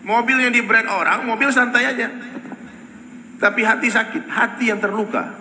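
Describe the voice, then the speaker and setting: A man preaching a sermon to a congregation, animated and questioning his listeners directly. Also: extremely high pitch, normal speed. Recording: echoey hall with noise.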